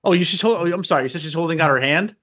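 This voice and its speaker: A man playing a tabletop game, stammering and quick to laugh, in a casual way. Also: a little high, fairly bright tone. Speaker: player. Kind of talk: casual tabletop role-play.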